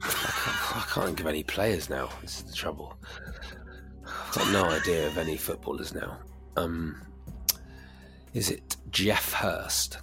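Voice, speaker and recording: A man competing on a football quiz, excitable and laughing often. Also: deep voice, unhurried, creaky, long pauses, soft background music. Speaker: quiz contestant. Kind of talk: casual banter.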